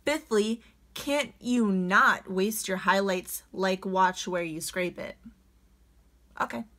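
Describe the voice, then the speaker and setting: A woman's voice: medium pitch, slow pace, sharp tone. A young woman chatting casually in a vlog, reading out comments and answering them with sarcastic, sassy retorts. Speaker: beauty vlogger reading comments.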